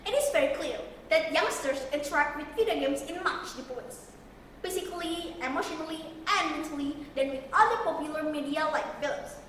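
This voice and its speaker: A young teenage girl with an Indonesian accent delivers a memorized contest speech in a stiff, rehearsed, declamatory way with emphatic pauses. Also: sits high, a bit bright. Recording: echoey hall, distant mic, faint noise.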